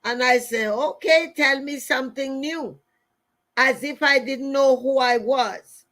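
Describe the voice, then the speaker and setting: A middle-aged woman with a Jamaican accent, a motivational speaker and show host, speaks a little slowly in a high, steady, slightly bright voice. She shares personal stories emphatically, repeats phrases, and addresses her listeners directly.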